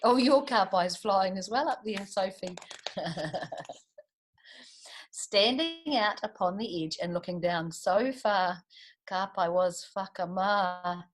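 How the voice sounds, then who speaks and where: Speaking slowly at a medium pitch, a New Zealand woman reads a picture book aloud for children. She brings expression to it and pauses for chatty asides and questions directed at her listeners.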